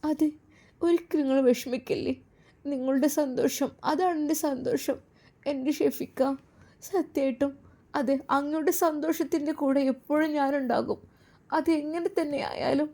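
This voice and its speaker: A devoted young wife, voiced by a woman narrator soothes her husband in a soft, hushed voice. Her tone sits high and mellow. She sounds loving and reassuring in a storybook tale. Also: fairly even intonation, normal speed.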